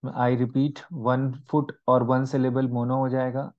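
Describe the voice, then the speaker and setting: A man with an Indian accent teaches an online exam-prep class, mixing Hindi and English and posing questions he then answers himself. He speaks slowly in a mid-range voice with little pitch movement. The lo-fi audio sounds slightly dull.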